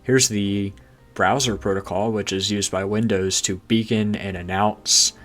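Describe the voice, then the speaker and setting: A man's voice: lowish voice, fairly even intonation, unhurried, fairly bright tone, faint music behind. A man hosting a tech channel through a voice changer that makes him sound synthesized and robotic, walking through a screen casually and asking rhetorical questions. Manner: chatty, rhetorical questions, amused at obscure jargon. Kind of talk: casual technical screen walkthrough.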